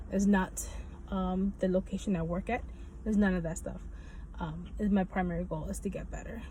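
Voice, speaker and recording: A video blogger giving a health update talks casually in a low, dark-toned voice, wandering and repeating her phrases. It's a low-quality recording with faint background noise.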